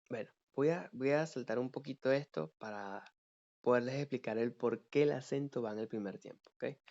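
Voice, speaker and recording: Patient music teacher counting beats. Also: male voice, medium pitch, a little mellow, dull audio. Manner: explains patiently, counts beats aloud, keeps checking with "¿ok?". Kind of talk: online music theory lesson.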